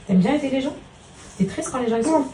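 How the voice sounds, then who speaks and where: Woman, mother, tender and chatty, slightly high voice, roomy sound, noisy, away from the mic. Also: expressive, quick pace, warm tone, distant mic. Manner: tender, heaps pet names on her children; chatty, addresses her followers as girls. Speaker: mother and vlogger. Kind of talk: casual vlog talk.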